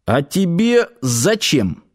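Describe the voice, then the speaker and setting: A man voicing a grumpy, one-legged old male dormitory warden who talks gruffly and grudgingly. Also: on the high side, big pitch swings, a little slow. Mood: suspicious. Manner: gruff, grumbling.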